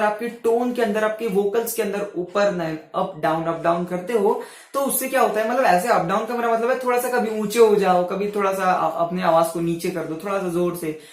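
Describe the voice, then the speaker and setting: A young man talks to camera like a motivational vlogger. His voice sits high and keeps rising and falling between loud and soft. The room around him rings with echo. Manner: animated, swings voice loud and soft on purpose. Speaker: vlogger giving self-help tips. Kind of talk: casual motivational talk to camera.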